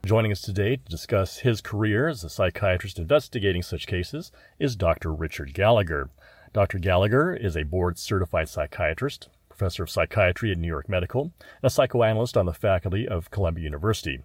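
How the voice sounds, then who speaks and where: A man presents a science radio show in a bright, upbeat way. His voice is low and husky with a lively, swinging melody. There is music behind him. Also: a little fast, no room sound, studio quality. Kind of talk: scripted radio show introduction and interview.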